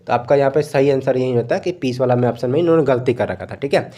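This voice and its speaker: Mellow male tutor. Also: medium pitch, quick pace. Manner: relaxed, repeats "thik hai" often, mixes in English words. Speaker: exam coaching teacher. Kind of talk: casual explanatory lecture.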